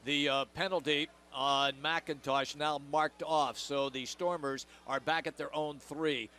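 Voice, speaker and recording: A man calls the action for a radio football broadcast with a bright, forward voice pitched a little high. His delivery is brisk and descriptive, tracking each play as it happens. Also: fairly even intonation, a little hiss or hum. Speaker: play-by-play announcer. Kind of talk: radio sports commentary.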